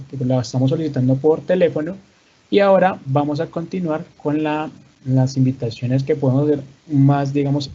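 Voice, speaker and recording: Male teacher, fairly high, husky voice; explains step by step with fillers; dull lo-fi recording. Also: warm tone. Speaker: English teacher. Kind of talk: bilingual online class.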